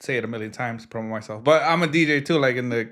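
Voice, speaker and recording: A man in his twenties hosts a podcast, talking fast in a mid-range, fairly bright voice. He chats casually and jokes around, using lots of fillers.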